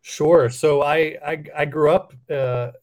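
A man's voice: a little high, fairly even intonation, takes it slowly. A man from Cameroon, a nonprofit leader, answering interview questions in a reflective way with many ums and restarts. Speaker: nonprofit CEO, podcast guest.

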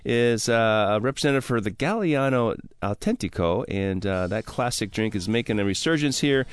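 A man's voice: medium pitch, expressive, normal speed, smooth. An older man hosting a radio talk show, chatty and laughing often, with many ums and uhs. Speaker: radio show host and sommelier. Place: radio studio.

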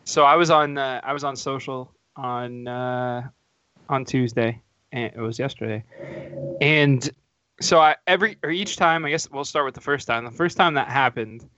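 A man's voice: medium pitch, moderate pace, bright, forceful tone, dry recording. A man hosts a casual football podcast and tells rambling, anecdotal stories, often restarting his sentences. The recording is dull and lo-fi, and it sounds dry with no room around the voice. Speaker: podcast host.

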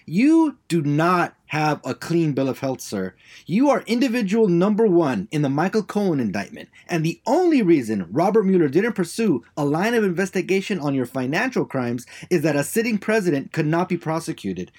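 Performer playing male TV reporter, confrontational, animated intonation, mid pitch, comedy sketch. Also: moderate pace. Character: persistent, confrontational male Spanish-language TV reporter. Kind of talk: comedy sketch press conference.

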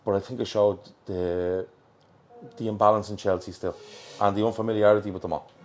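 A man's voice: fairly low pitch, steady tone, a little fast, darkish tone. An Irish man hosting a football show as a casual live chat, in a colloquial, matey manner. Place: pub in Liverpool. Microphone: worn mic.

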